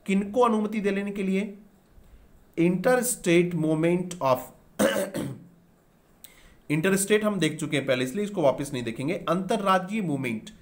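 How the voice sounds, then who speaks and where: Indian male English tutor, high voice, spells words slowly, answers his own questions. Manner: spells words letter by letter and asks rhetorical questions. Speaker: English teacher. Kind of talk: online vocabulary lesson.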